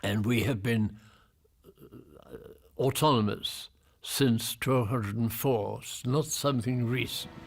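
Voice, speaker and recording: An older man from Jersey recalling the past in an interview, speaking deliberately and wryly. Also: mid-range voice, creaky. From Jersey, Channel Islands. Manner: slow, deliberate, wry. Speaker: eyewitness interviewee. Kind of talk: recollection in an interview.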